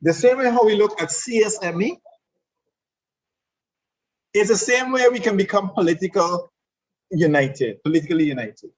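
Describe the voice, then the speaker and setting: A man with a Caribbean English accent speaks as a guest on leadership in a conversational discussion, his manner emphatic, repetitive, and lecturing. His voice is high-pitched at normal speed with long pauses, and the recording is dull and lo-fi.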